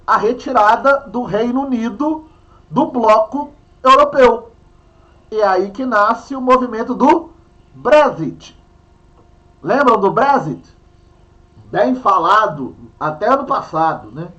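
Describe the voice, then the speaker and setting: A man with a Minas Gerais accent gives a history lesson in a high, very animated voice. His pitch jumps all over as he chats and jokes with a co-host. The talk is loose and playful, never stiff. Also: slow. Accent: Brazilian, Minas Gerais. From Brazil. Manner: chatty, playful teacher, banters with a co-host. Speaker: history teacher. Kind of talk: online class lecture.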